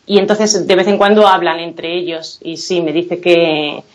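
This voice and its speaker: A woman's voice: lowish voice, fairly even intonation, lo-fi sound. A woman from Spain with a Spanish accent, speaking as an interview guest in a thoughtful, hesitant way. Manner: thoughtful, hesitant, many pauses and fillers. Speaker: guest, English academy founder. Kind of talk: casual interview chat.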